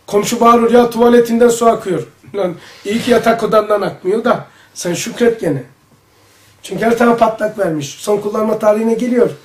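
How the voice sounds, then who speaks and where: A man leads a religious study lesson in a lively, exclaiming manner full of rhetorical questions. His voice sits high for a man. It is heard from some distance in an echoey room.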